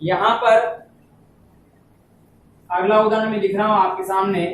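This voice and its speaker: A man teaching a classroom lesson, speaking slowly and repeating words and phrases so students can write them down. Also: high voice, flat delivery, fairly bright tone, reverberant, far from the mic, a little hiss or hum, poor audio. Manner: keeps saying "ab dhyan dena" to draw attention. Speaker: Hindi grammar teacher.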